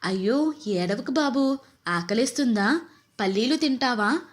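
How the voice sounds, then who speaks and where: A soft, coaxing twelve-year-old girl, as a woman storyteller puts her on, hushing a frightened small boy in a spoken storybook. Her tone stays gentle and motherly, tender rather than playful, with a slightly raised pitch. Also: expressive, a little slow.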